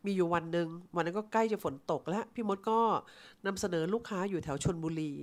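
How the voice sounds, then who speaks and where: A woman's voice: fairly low pitch, fast talker, a little mellow. A middle-aged woman from Thailand telling a personal story and acting out both sides of the conversation. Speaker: insurance agent team leader. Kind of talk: storytelling talk.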